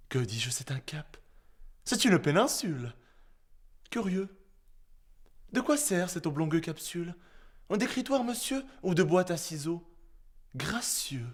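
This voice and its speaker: Proud, mocking swordsman: hammy stage actor delivery, theatrical verse monologue, flamboyant changes of tone. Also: on the high side. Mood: declamatory, boastful. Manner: hammy stage acting, declaimed, switching tones for effect. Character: proud, witty swordsman mocking an insult to his large nose.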